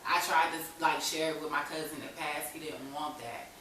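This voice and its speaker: A woman in her thirties speaks in a deep, bright, forceful voice with fairly even intonation at normal speed. She's an interview guest sharing a candid personal story in an informal, conversational way, frequently saying "you know." The recording is echoey with a distant mic and a faint hiss.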